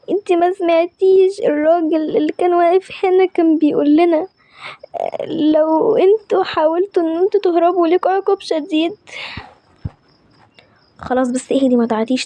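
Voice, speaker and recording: A woman with an Egyptian accent telling a story in lively, conversational character voices. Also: extremely high pitch, no echo. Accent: Egyptian Arabic.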